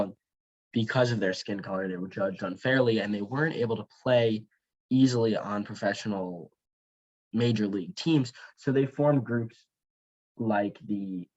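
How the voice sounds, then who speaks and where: A man giving baseball play-by-play commentary in a conversational, explanatory broadcast manner. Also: on the low side. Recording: dull, lo-fi sound.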